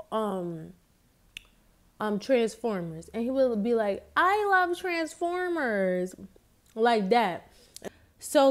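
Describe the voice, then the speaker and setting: A woman's voice: a little high, a little mellow. A woman casually telling a story in slangy speech while eating, her mouth sometimes full. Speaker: vlogger.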